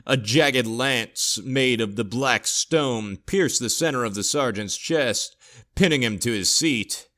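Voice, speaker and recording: A man narrating a scripted horror story in a steady, low storytelling voice. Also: takes it slowly.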